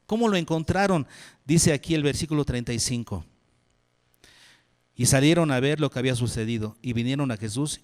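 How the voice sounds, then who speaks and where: A man preaching as pastor, asking questions and answering them himself, dropping low and soft on key phrases. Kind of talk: sermon. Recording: long hall reverb.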